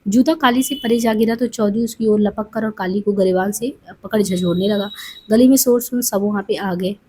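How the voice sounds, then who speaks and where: Woman reading a novel aloud, husky. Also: medium pitch, moderate pace, a little mellow. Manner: plain reading with explanatory asides. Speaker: narrator.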